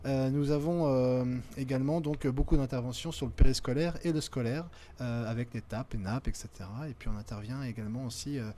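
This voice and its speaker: A man speaking as a guest on a web TV set, stumbling through his answers with frequent fillers and restarted phrases. His voice sits at a middle pitch, with clear background noise around him in the studio. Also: warm tone. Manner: halting, many fillers and restarts, self-deprecating. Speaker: association president, studio guest. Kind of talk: hesitant studio talk-show answers.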